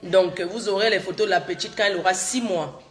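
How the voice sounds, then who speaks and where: Over soft background music, a Cameroonian livestreamer in middle age chats with viewers in a medium-pitched, brisk voice. She has a cold, responds to their comments directly, and tends to repeat herself in this casual live chat.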